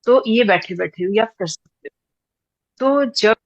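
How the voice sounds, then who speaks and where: A woman teaching in an unhurried, explanatory way, circling back to make each point clear. Her voice sits in a middle register, close and dry, with a slightly dull, lo-fi sound. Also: mid-range voice, no echo. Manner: patient, repeats points with everyday examples. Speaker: teacher of breath practice. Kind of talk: explanatory class talk.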